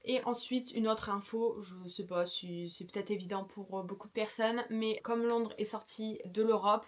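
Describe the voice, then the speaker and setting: A young woman vlogger giving frank, chatty travel advice, full of enthusiasm and small fillers. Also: mid-range voice. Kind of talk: casual vlog advice.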